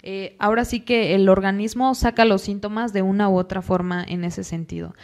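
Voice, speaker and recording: A woman, a psychologist guest in a podcast interview, explaining calmly and acting out short quoted asides. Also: mid-range voice. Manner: calm, explanatory, acts out parents and children in quick quoted asides.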